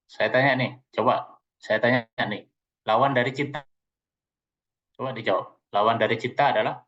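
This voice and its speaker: A male trainer gives a playful seminar talk, teasing his listeners and calling on them directly. His voice sits at a middling pitch. The recording is dull and lo-fi, as if from a seminar room. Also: steady tone, moderate pace, a bit bright. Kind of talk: joking seminar talk to an audience.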